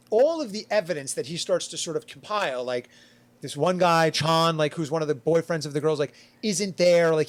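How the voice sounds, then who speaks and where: A man chatting casually on a podcast panel, rambling and full of "like", acting out quotes as he goes. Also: on the high side. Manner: rambling, filler-heavy retelling with acted quotes.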